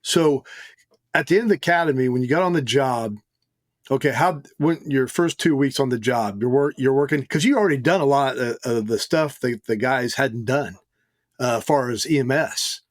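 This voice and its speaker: A man hosting a podcast interview, reacting in an animated way and asking questions conversationally. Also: mid-range voice, normal speed, no echo, clean studio sound. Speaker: podcast host.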